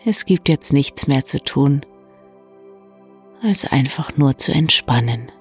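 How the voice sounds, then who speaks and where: A person gently guiding an evening relaxation in a soft, hushed, soothing voice with long pauses. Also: medium pitch, slightly rough. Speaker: meditation guide and bedtime story reader. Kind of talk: soft, soothing guided meditation for bedtime. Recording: soft new-age music bed. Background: calm new-age music.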